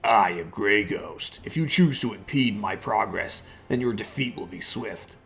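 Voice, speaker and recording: A man acts out a self-serious, menacing rival from a video game. The voice drops low and gravelly, solemn and clipped, over faint music. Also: a little slow, a bit bright.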